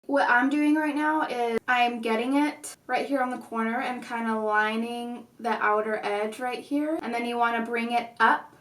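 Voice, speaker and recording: A woman's voice: on the high side, steady tone, moderate pace, hardly any pauses, fairly bright tone. A woman hosting a casual makeup tutorial, speaking with slightly odd, constrained articulation. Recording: echoey room, distant mic.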